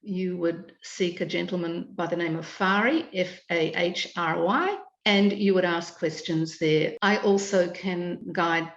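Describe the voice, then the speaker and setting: A woman in her sixties with an Australian accent, an educator and curriculum consultant, answers interview questions over a video call from a room at home. She explains things in a measured, informative way in a lowish, steady voice. Her webcam audio is dull and the room sounds echoey.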